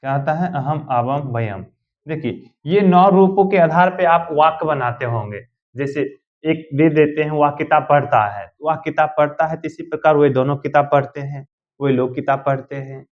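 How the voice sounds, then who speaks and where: A man's voice: on the high side, moderate pace. A male teacher giving a classroom grammar lesson, explaining step by step and often asking the students whether they follow. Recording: dull lo-fi sound.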